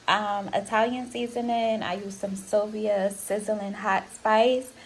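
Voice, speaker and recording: A young American woman talks through her day in a casual, informal vlog style. Her voice sits at an average pitch, recorded on a handheld camera at home with clear household noise behind it. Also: poor audio. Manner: informal, conversational. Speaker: home vlogger. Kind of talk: casual vlog chat, narrating chores and cooking. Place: indoors at home, kitchen. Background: household appliance noise.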